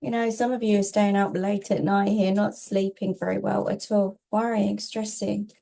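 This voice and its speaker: A woman with a warm, relaxed voice of average pitch delivers a tarot reading as casual spiritual guidance. She is reassuring yet emphatic, stacking short phrases and repeating them to press the message home. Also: normal speed, gravelly, low-quality recording. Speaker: tarot reader, host.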